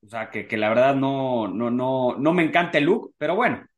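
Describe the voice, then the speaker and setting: A man's voice: medium pitch, expressive, moderate pace. A man co-hosting a casual golf podcast, talking in long rambling sentences full of fillers. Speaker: podcast co-host.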